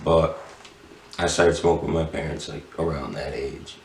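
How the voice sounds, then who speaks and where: A man's voice: very deep voice, lively intonation, moderate pace, gravelly, noisy background. A middle-aged man chatting casually as a podcast guest in a laid-back, slangy stoner drawl. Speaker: podcast guest, tattoo shop owner. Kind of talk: casual chat. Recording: roomy echo, distant mic.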